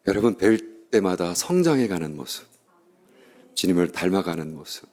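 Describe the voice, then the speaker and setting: A man's voice: deep voice, a little mellow. A middle-aged male pastor preaching a revival sermon, telling stories animatedly and acting out the voices of the people in them.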